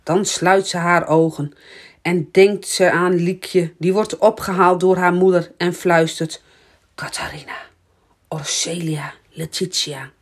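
A woman reading a children's book aloud, in a slow, lively storytelling voice. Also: on the low side. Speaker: storybook reader.

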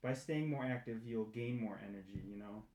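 A young man co-hosting a podcast, rambling in casual chat and filling every pause with "like". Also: mid-range voice, darkish tone. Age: young adult. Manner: rambling, says like a lot. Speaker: podcast co-host. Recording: echoey room.

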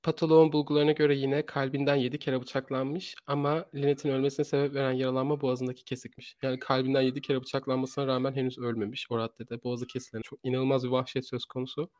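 A man tells a true crime story in a conversational podcast style at a medium pitch. He halts to find words and often restates what he just said. The sound is close and very dry, with no room echo. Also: flat delivery, quick pace, few pauses, darkish tone. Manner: rephrases and repeats his own sentences.

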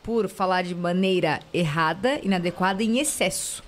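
A woman's voice: on the low side, normal speed. A woman, a voice therapist and podcast guest, explaining with vivid examples in casual chat.

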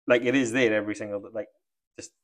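A man's voice: on the low side, fairly even intonation, quick pace. A man, co-hosting a casual chat and musing about life in a rambling, sweary way. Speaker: podcast co-host.

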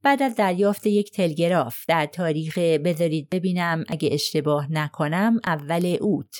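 A woman's voice: fairly low pitch, a little mellow, lightly acted. A woman voicing a reserved young man in an audiobook, giving short, guarded answers under questioning. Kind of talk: audiobook character reading.

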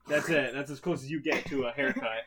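A man's voice: mid-range voice, a little fast, crowd noise. A young man bantering and teasing his friends on a casual podcast. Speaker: podcast co-host. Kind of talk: casual group chat.

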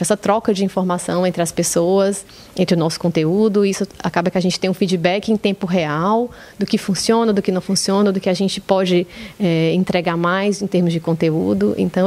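Female podcast guest, late thirties, Brazilian accent, lowish pitch, gravelly fry, conversational answers. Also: mellow. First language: Portuguese. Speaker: podcast guest, social media coordinator.

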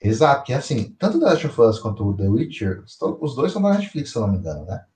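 A man co-hosting a podcast in casual chat, slangy and animated, often repeating himself. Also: mid-range voice, fast, reverberant, a little hiss or hum. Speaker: podcast co-host.

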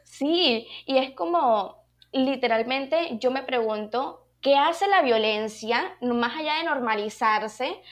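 A woman's voice: sits high, expressive, slow pace. A woman hosting a podcast, thinking aloud as she talks through her ideas. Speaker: podcast host. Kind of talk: casual podcast conversation.

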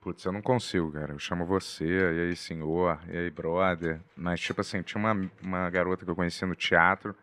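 A young man, a comedian, talking in casual podcast banter, animated and swearing and rambling through his points. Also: deep voice, a little fast, few pauses.

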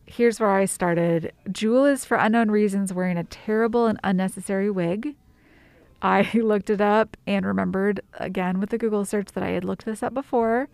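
A woman's voice: mid-range voice, fairly even intonation, moderate pace, gravelly, a little mellow, no echo. A woman co-hosting a podcast, chatting casually with many fillers and restarts. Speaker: podcast co-host. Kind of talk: casual chat.

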